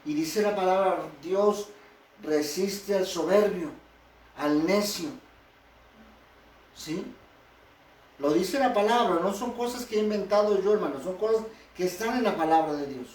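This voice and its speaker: A pastor preaching a sermon in a conversational way, often asking the congregation questions. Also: male voice, high-pitched, unhurried, long pauses, a little mellow. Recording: echoey hall from far off.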